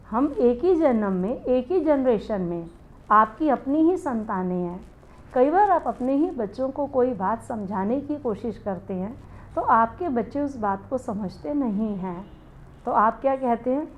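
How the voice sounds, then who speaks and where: A woman's voice: a little high, narrow, tinny audio, a little hiss or hum. A woman giving a spiritual meditation lesson, explaining patiently and asking rhetorical questions to her listeners. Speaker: meditation teacher.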